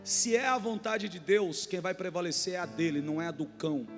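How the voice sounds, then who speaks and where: High-voiced Brazilian pastor preaching fiercely. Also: male voice, a little fast, creaky. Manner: fiery preaching, building to shouted repetitions; colloquial, folksy storytelling. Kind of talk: sermon. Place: church hall. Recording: reverberant church hall with faint music.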